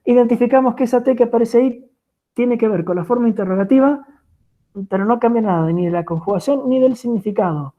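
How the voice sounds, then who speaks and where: A woman's voice: a little high, fast. A woman with an Argentine Spanish accent teaching French grammar in an online class, patient and checking in with her students often. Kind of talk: online lecture explaining grammar. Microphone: video call. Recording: tinny phone-like video call audio.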